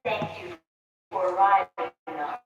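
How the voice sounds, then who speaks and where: A man giving formal, measured train announcements over a station public-address loudspeaker on an outdoor platform. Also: sits high, phone-quality sound. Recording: echoey distant loudspeaker, noisy outdoor platform.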